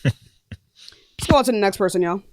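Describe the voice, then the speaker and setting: A woman's voice: medium pitch, lively intonation, normal speed, dry recording, clean studio sound. A young woman hosting a live-stream debate, blunt and combative, often talking over her guests. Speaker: livestream debate host.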